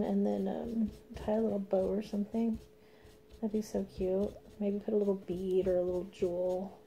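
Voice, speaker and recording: A young woman chatting casually while she paints a craft project, rambling and laughing often, sometimes dropping to a soft murmur. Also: mid-range voice, creaky, rough recording. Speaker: craft vlogger.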